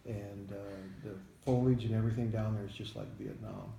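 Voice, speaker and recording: An older American man, a veteran in an interview, remembering his army days in a halting, plain-spoken way. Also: on the low side, big pitch swings, vocal fry, warm tone. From United States. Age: 70s or older. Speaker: Vietnam-era army veteran being interviewed. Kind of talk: veteran interview, recalling memories. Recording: echoey room, faint background noise.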